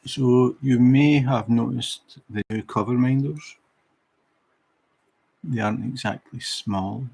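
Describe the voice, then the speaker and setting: This crafting livestream host, a middle-aged Scot with a Scottish accent, keeps up a relaxed, unhurried chat with viewers as he does diamond painting. He speaks in a mid-range voice that's creaky with a breathy edge.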